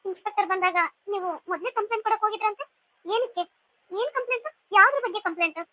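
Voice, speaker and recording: A woman's voice: very high voice, quick pace, sharp tone, no room sound. A woman voicing a devoted, pleading young wife. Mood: earnest. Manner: pleading, earnest. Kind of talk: cartoon serial voice acting.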